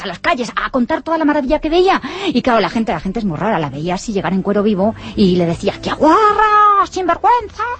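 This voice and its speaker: Woman telling a folk tale on radio: playful, lively, dramatic pauses, music faint behind. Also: on the high side. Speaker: storyteller. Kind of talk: oral storytelling on radio.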